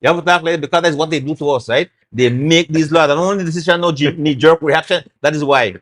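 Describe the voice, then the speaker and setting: A man's voice: a little high, quick pace. Middle-aged Belizean man, talk show guest, hammers his points home and repeats them. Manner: emphatic, repeats points, acts out quotes. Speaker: guest, former party chairman.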